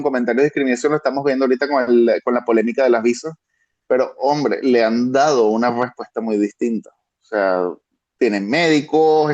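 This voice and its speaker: A Venezuelan man with a Venezuelan Spanish accent and a mid-range, slightly mellow voice appears over a video call as a guest international security analyst. He offers conversational expert analysis, thinking aloud with frequent restarts.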